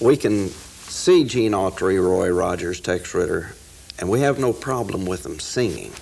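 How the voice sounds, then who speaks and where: A man from the United States talks as an expert guest in an interview, telling things in a folksy, deliberate way. His voice is low and full of gravel, over faint background noise. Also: expressive, a little mellow. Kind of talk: informal interview talk with recited verse.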